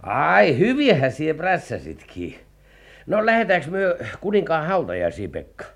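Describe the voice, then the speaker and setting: A cheerful, wary sidekick with a broad Karelian accent. His voice sits a touch high and bounces with animation. He fits a 1940s radio play. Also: huge pitch swings, vocal fry, no room sound, exaggerated voice. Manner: folksy dialect chatter.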